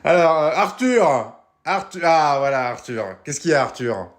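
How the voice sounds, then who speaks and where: A man's voice: fairly high pitch, lively intonation, moderate pace, lightly acted. A man playing a fake-cheerful, sarcastic summer camp counselor in a comedy sketch.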